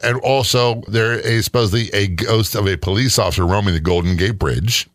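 A man's voice: on the low side, brisk, fairly bright tone, no room sound, studio quality. A middle-aged man co-hosting a casual chat, skeptical and sarcastic, often rambling. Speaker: podcast co-host.

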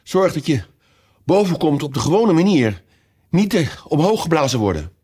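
A man voicing a fussy, breathless chess queen in a storybook with a shrill, frantic manner. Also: sing-song, moderate pace, dark tone, breathy edge.

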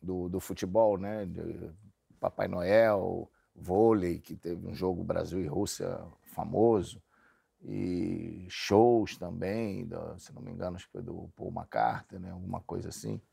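A middle-aged man telling rambling, low-key anecdotes in a casual group chat. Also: fairly even intonation, measured pace, gravelly, mellow, breathy edge, dry recording, studio quality. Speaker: guest.

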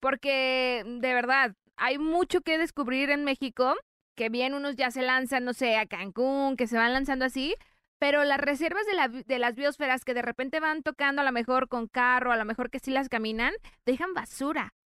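A Mexican woman co-hosting a morning radio show, chatting in a lively way. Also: high-pitched, moderate pace, smooth, no room sound. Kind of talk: casual chat.

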